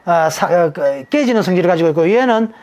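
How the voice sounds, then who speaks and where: A man, a monk, explains his teaching to an interviewer. His pitch rises and falls in lively swings. He often puts a question and then answers it in an emphatic, casual tone. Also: a little fast, a little hiss or hum. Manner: lecturing, asks rhetorical questions and answers them himself; drops into a casual, emphatic sentence ending. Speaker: Buddhist monk who gives naming advice.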